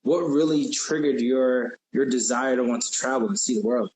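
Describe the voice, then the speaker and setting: A man's voice: mid-range voice, normal speed, a little mellow, rough recording. A man hosting a casual interview, easygoing and chatty, often repeating his words. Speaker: podcast host. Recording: faint background noise.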